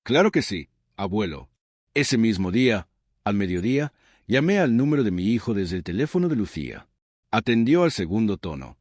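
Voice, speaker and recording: A man's voice: on the low side, big pitch swings, fairly quick, a little mellow, no echo, studio quality. An older man with a Rioplatense Spanish accent, narrating a scripted story in a reflective, earnest way.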